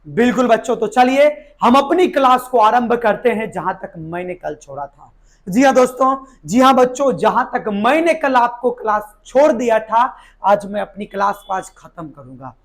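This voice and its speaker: A biology teacher, hoarse from a sore throat and speaking in a high male voice, runs a live online exam-prep lesson. He keeps quizzing the class, answers his own questions, and repeats key words.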